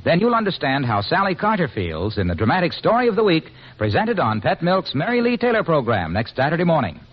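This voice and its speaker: Announcer, man, old broadcast disc sound: lively, slightly high voice, dull lo-fi transcription, upbeat 1940s ad read. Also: husky. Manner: brisk, upbeat sales pitch. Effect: old broadcast disc recording. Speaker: radio announcer. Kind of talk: 1940s radio commercial read.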